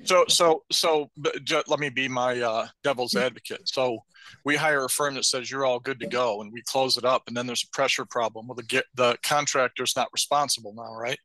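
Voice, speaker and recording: A man's voice: mid-range voice, steady tone, moderate pace, sharp tone, dry recording, poor audio. A man on a board committee questioning a decision, stammering into his points. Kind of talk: meeting discussion.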